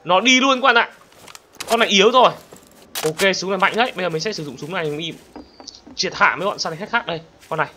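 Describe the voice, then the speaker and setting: A young man commentating a game, excitable and talking straight to viewers, bursting into panicked shouts. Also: sits high, fast talker, pauses often, noisy background. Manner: talks to viewers directly. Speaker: gaming channel host. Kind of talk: let's play commentary. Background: loud game music.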